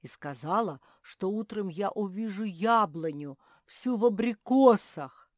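A woman voicing a loud, stubborn, boastful bear cub boy in a storybook reading. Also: medium pitch, animated, measured pace, no echo, studio quality, voice pushed up. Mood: telling. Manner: shouting, insistent.

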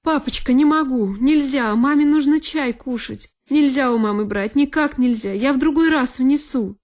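A woman's voice: high voice, normal speed, voice pushed up, lightly acted. A woman voicing a frightened little girl who pleads tearfully with her father. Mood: pleading, frantic. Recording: violin music underneath.

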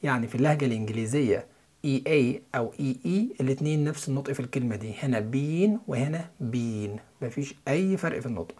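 Man, Egyptian Arabic accent, fast, slightly husky, conversational teacher. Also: medium pitch, dark tone. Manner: conversational, explaining step by step. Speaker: English listening teacher. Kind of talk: Egyptian Arabic explanation of English pronunciation.

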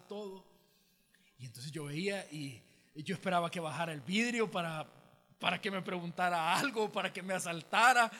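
A man, a pastor preaching a sermon through an animated, humorous personal story, acting out what people said. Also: high-pitched. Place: large church auditorium. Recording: long hall reverb from auditorium.

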